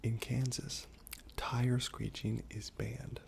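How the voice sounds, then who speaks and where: A man speaking in a soft, breathy half-whisper, gently reading trivia aloud in an ASMR style while chewing gum. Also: medium pitch, level tone, takes it slowly, a little hiss or hum. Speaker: ASMR host.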